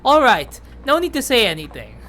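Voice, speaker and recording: A woman's voice: a little high, sing-song, normal speed, a bit bright, a little hiss or hum. A woman voicing a teasing, domineering male shogun in a game read-through, with a smug, gloating manner.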